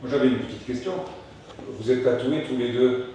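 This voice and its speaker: A man's voice: medium pitch, fairly even intonation, a little fast, warm tone, slight background noise. A man asking a casual question from off to the side. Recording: distant voice in very echoey room.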